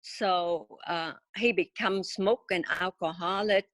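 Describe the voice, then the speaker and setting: A woman in her seventies from Vietnam with a Vietnamese accent, telling her life story haltingly in an interview with many pauses and fillers. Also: fairly low pitch, fairly even intonation, fairly bright tone. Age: 70s. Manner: halting, many filler sounds, simple grammar. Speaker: interview guest.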